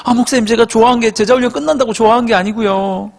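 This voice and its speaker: A man voicing a cheerful, eager young woman trainee who talks in quick, bubbly exclamations. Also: very high-pitched, fairly even intonation, vocal fry, pitched above the performer's own voice, exaggerated voice. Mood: gushing.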